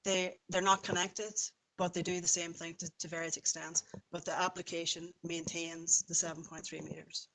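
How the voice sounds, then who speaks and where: A woman speaks as a planning officer before a committee. She talks in a level, steady tone with little rise and fall, and she corrects herself often as she explains. She is heard over a remote meeting call. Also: fairly low pitch, low-quality recording. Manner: halting, self-correcting, careful.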